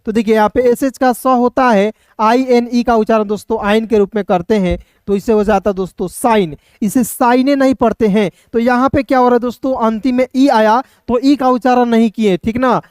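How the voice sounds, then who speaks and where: Male tutor, patient and repetitive, spells words out letter by letter; smooth resonant voice, dry recording. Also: very high-pitched, steady tone, a little fast, few pauses, darkish tone, no echo. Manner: patient, repetitive, constantly addresses viewers as friends. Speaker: English teacher. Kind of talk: online phonics lesson.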